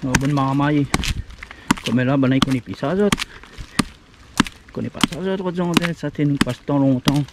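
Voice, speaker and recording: A man's voice: a little high, heavy background noise. Middle-aged Réunion man narrating foraging. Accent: Réunionese French. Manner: plain, halting, explaining as he works. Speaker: outdoor video host. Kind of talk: casual narration while foraging and cooking. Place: forest outdoors, then home kitchen.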